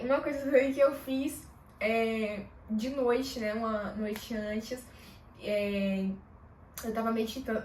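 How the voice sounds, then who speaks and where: A woman vlogger telling a personal story in a casual, animated way, acting out bits of dialogue. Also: fairly high pitch, a little hiss or hum. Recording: echoey room, mic a bit far off.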